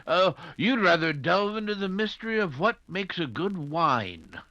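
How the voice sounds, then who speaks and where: Man playing Doctor Watson, slow genial old gentleman. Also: high voice, lively intonation, dry recording, lo-fi sound, heavily acted. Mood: genial, amused. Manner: hesitant, chuckling, old-fashioned gentlemanly phrasing. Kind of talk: 1940s radio acting.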